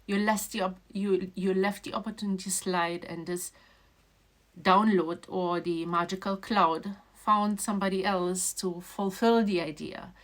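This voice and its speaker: Woman, book author, casual vlog, halting, repeats herself, trails off soft. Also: fairly even intonation. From Trinidad and Tobago. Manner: halting, repeats and restarts phrases, voice dropping soft and low. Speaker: children's book author and illustrator. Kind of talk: casual emotional vlog talk.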